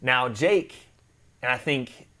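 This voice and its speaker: A man co-hosting a casual sports debate podcast, animated and joking as he trades banter with his partner. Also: medium pitch. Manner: animated, joking, fast back-and-forth banter. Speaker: podcast co-host. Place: temporary room away from home.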